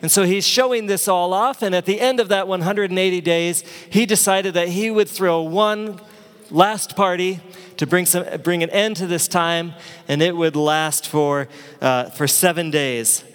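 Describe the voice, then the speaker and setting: A man's voice: high voice, fairly even intonation, unhurried, a bit bright, clean tone, long reverb tail. A man preaching a sermon as pastor, telling the story in a conversational way with asides to the congregation.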